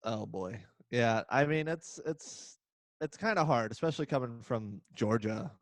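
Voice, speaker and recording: Male host, mid-pitched voice, sardonic and profane, casual video-call chat with a dry sound. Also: lively intonation, measured pace, dry recording. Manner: sarcastic, swears a lot. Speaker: podcast host.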